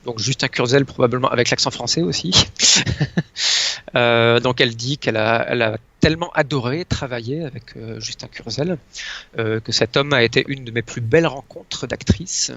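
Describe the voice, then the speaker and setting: Man, astrologer guest, gravelly voice, halting and hesitant, dull lo-fi sound. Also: mid-range voice, fairly bright tone. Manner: hesitant, pauses often to search for words. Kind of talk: casual presentation of a chart.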